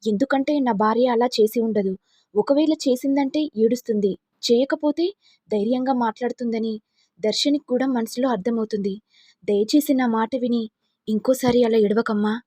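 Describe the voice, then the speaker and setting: Woman reading a calm elder woman, gently advising, husky voice, dry close sound. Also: fairly high pitch, moderate pace, no room sound, natural voice.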